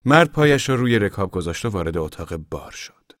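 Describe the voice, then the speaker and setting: A man reading a novel aloud in a calm, even way. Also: fairly low pitch, no room sound, clean studio sound. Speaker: narrator. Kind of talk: audiobook narration.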